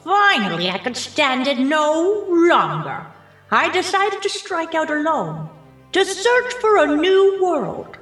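A woman's voice: high-pitched, fairly bright tone, exaggerated voice. A woman playing the Mole Man, an embittered, boastful male villain who gloats theatrically in an amateur comic-book radio play. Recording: roomy echo with music behind.

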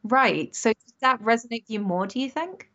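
A woman's voice: on the high side, lively intonation, moderate pace, fairly bright tone. A woman in her thirties from England, chatting casually and rambling, correcting herself with little laughs. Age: 30s. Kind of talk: casual chat. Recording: dull lo-fi sound.

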